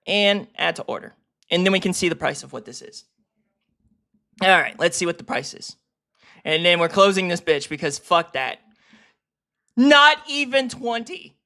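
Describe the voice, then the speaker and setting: Excitable, foul-mouthed streamer with a bright voice. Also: medium pitch, creaky. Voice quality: profane, excitable, laughs often. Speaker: streamer reacting to and ranking a video series. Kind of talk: casual reaction commentary.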